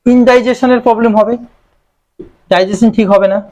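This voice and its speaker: A man's voice: extremely high pitch, steady tone, normal speed, a little mellow. A man lecturing on medicine in a classroom style, with a Bengali accent, who asks questions and then answers them himself. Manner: explains terms, asks and answers own questions.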